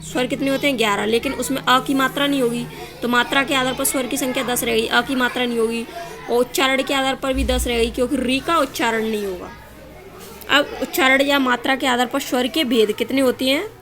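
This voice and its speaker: A woman's voice: high voice, fairly even intonation, a little fast. A woman teaching an exam-prep grammar lesson, asking quiz questions and answering them herself, stretching vowels to show their length. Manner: asks and answers her own quiz questions.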